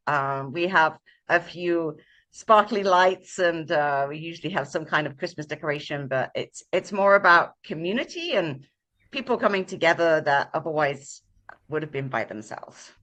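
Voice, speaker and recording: A woman sharing a personal story as a guest on a video call, talking casually and pausing often with ums and uhs. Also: sits low, a bit bright. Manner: halting, many ums and uhs. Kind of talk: casual sharing on a live show.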